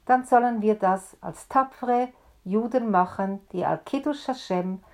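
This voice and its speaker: A woman's voice: mid-range voice, lightly acted. A woman voicing a solemn male rabbi who speaks earnestly to his frightened congregation. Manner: earnest, slow and deliberate.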